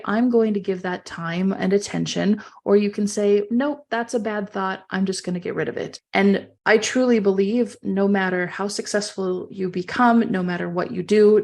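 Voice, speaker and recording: A woman's voice: mid-range voice, a little mellow. A woman speaking as an online entrepreneur and coach in an earnest, emphatic motivational monologue, repeating phrases for stress. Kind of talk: personal monologue with motivational talk.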